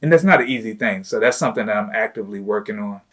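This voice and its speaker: Low-voiced man chatting casually. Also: racing, fairly bright tone. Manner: loose and informal, full of "you know" and "like". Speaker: host, entrepreneur. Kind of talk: casual chat with his wife.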